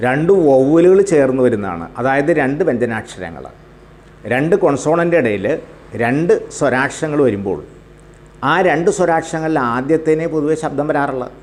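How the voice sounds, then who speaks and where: A man's voice: mid-range voice, expressive, moderate pace, darkish tone. A man teaching grammar and pronunciation in his words. He explains patiently, spells words out letter by letter and repeats them. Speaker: English teacher. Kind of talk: spoken English grammar lesson.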